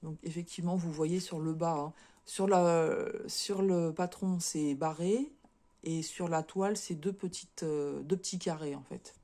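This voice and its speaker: Mellow-voiced chatty French woman. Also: fairly low pitch, fairly even intonation, unhurried. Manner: chatty, many fillers and repeated words. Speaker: craft vlogger. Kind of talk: casual unboxing chat.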